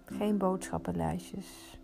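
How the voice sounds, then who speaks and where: A woman leading a guided meditation, giving soothing, unhurried instructions with pauses. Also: lowish voice, steady tone, vocal fry, mellow, soft background music.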